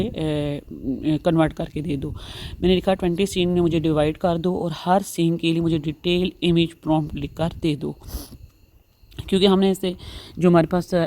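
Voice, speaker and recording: Here a woman with a low, warm voice walks through a tutorial step by step as its host. Her phrasing is repetitive and instructional, with English words mixed in.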